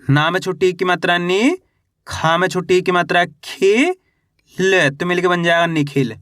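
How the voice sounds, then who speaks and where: A man's voice: sits high, fairly even intonation, measured pace, a bit bright, no echo, studio quality. A man teaching Hindi reading by sounding out each syllable, then saying the whole word, and asking questions that he answers himself. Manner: asks the viewer questions and answers them himself. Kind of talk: slow spelling-out lesson.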